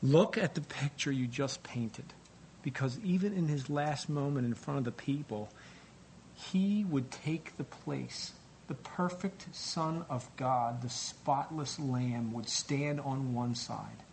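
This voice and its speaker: A man preaching a dramatic storytelling sermon, emphatic and deliberate, repeating phrases for weight. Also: vocal fry, darkish tone, rough recording. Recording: live sermon with faint rumbling noise.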